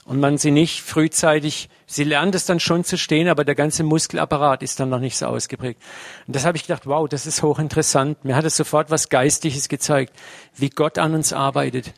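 A man's voice: on the high side, steady tone, brisk, creaky, dry recording, clean studio sound. Conversational German-speaking male preacher. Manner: conversational, uses tag "ne?" often. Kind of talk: sermon.

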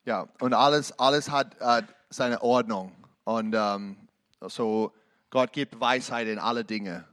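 Slow-speaking preacher, halting German. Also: male voice, medium pitch, a bit bright. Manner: halting non-native German, emphatic. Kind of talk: preaching with a testimony.

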